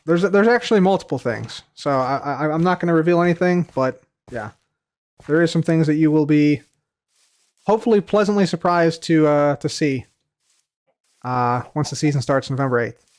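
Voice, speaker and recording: Fairly high-pitched and talking at normal speed, a man answers viewer questions on a relaxed live stream, reading each one aloud from chat. He wanders and repeats himself, using lots of fillers, and his voice sounds slightly tired from heavy use as phrases trail away quietly.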